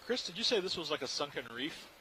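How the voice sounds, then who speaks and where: A man giving live, unscripted commentary as a scientist on a deep-sea dive, marveling and musing as he goes. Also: sing-song, fast talker, sharp tone. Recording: clearly noisy live control-room audio feed.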